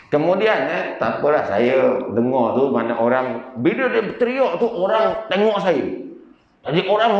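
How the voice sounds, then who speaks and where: A male preacher from Sarawak, a native Bidayuh speaker, tells stories with joking asides in a rather high voice. His talk rings with heavy echo in a large mosque hall, and the recording sounds dull and lo-fi. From Sarawak, Malaysia. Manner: storytelling, jokey, lively asides. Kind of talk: humorous mosque lecture.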